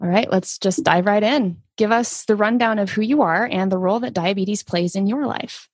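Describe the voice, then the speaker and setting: Woman, podcast host, medium pitch, conversational presenting, dry recording. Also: moderate pace, no room sound.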